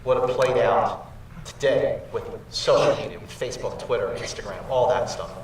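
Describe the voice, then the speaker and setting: A man moderating a live Q&A, briskly calling on audience members and asking questions. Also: mid-range voice, slight background noise. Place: large cinema auditorium. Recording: very echoey theater heard from far off.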